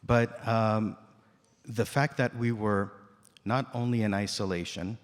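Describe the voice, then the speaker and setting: A man, a politician, giving a measured, somber formal speech at a public event. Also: on the low side, fairly even intonation. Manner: measured, somber, slows on key words. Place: large indoor theater. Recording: reverberant theater hall.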